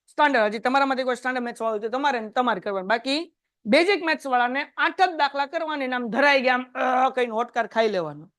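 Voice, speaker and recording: A male teacher lectures a class on math in a chatty, quizzing way. His voice sits notably high for a man. The sound is dry and close, with little room echo. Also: pushed and bright. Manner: chatty, quizzes students and tells anecdotes. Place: classroom with students.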